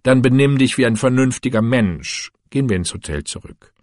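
A man voicing a defensive, dismissive young husband in an audiobook reading, his husky voice curt and impatient. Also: mid-range voice, expressive, normal speed, darkish tone, no echo, clean studio sound, natural voice.

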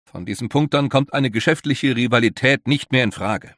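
A man's voice: mid-range voice, normal speed, a bit bright, no room sound, lightly acted. A grave, worried older leader, as a male reader puts him on, who presses his points in an earnest, emphatic way. The voice is dry and close, like a storybook read aloud.

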